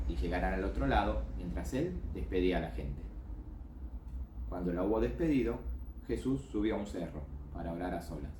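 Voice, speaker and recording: A man's voice: deep voice, noisy background. A man teaching a children's church class, reading a Bible passage aloud with expression and voicing the quoted lines. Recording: echoey room.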